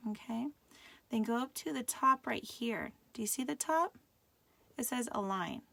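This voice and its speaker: Gravelly-voiced woman teaching a craft class. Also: on the high side, expressive, measured pace, sharp tone, no room sound. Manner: patient, checks in with viewers often. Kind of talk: live class tutorial.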